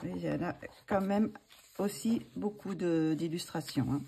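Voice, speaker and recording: A woman's voice: lowish voice, normal speed, gravelly, dark tone, slight background noise. A woman hosting her own channel, chatting casually and hesitantly with many fillers and restarts as she shows books. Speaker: channel host showing books for a giveaway. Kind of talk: casual chat.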